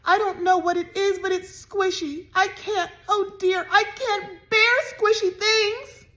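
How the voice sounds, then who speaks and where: A woman voicing a prissy little city girl who sobs in a high, wailing voice with drawn-out words, in a read-aloud storybook. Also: fairly even intonation, pushed and bright, exaggerated voice. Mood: sobbing. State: sobbing.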